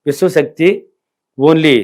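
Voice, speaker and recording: Slow and steady in tone, his voice a little high, a middle-aged villager from rural India plays the spiritual teacher in an interview. His answers hammer each point through emphasis and repetition.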